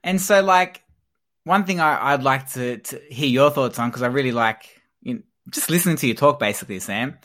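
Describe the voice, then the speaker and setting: A man's voice: medium pitch, moderate pace, a bit bright. A man co-hosting a podcast, asking easygoing, hesitant questions in a casual interview. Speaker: podcast co-host.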